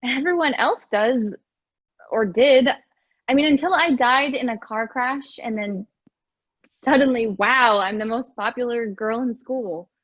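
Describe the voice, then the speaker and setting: Woman as a husky, wry teenage girl. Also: on the high side, unhurried, fairly bright tone, dry recording, dull audio. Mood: wry, candid. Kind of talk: amateur play reading.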